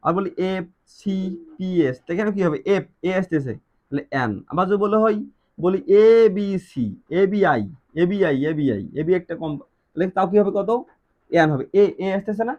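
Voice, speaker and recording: A man's voice: sits high, animated, fairly quick, a little mellow. A man with a Bangladeshi accent teaching an English grammar lesson, asking questions and answering them himself. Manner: asks and answers his own questions. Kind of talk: classroom-style grammar lesson. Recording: dull lo-fi recording.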